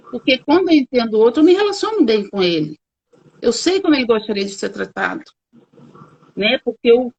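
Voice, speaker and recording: A woman's voice: a little high, low-quality recording. A woman with a Brazilian accent, a children's coach who explains her points emphatically and stretches out key words, heard over a video call. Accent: Brazilian Portuguese. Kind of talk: explanatory interview answers.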